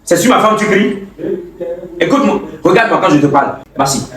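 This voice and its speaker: A man's voice: high voice, expressive, fairly quick, fairly bright tone. A man playing a stern older brother who lectures and scolds, often stammering over words. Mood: lecturing angrily. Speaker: actor in a web skit. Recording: echoey room, far from the mic.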